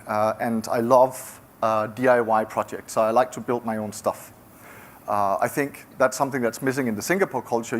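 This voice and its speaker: This is a conference talk by a middle-aged Danish founder whose speech is conversational yet halting, full of restarts. He has a Danish accent and a mid-range voice, and there's slight background noise.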